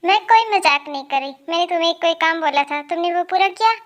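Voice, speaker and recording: Girl doing a strict angry mom, director of the company, scolds nonstop, high voice. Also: fast, lo-fi sound. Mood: scolding. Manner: scolding, threatening. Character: stern middle-aged mother, company director, scolding.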